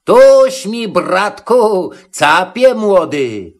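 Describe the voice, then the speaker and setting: Man doing a watchman, bossy, barking, loud, slow. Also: sits high, sing-song, voice pushed up, heavily acted. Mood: stern. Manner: barking orders. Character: stern male watchman, gruff and bossy.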